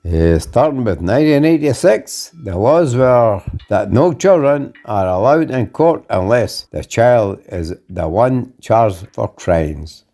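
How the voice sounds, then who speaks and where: A man plays a chatty cartoon teammate who muses aloud and worries easily. His voice is mid-pitched. It swings lively up and down. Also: slow pace, few pauses. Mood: musing. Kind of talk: fan-made cartoon voice acting.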